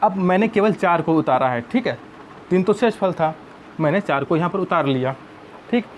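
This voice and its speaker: Male math tutor, slightly high voice, patient and repetitive, faint hiss behind. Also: lively intonation, moderate pace. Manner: patient, often addressing viewers as friends. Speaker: math teacher. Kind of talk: step-by-step classroom explanation.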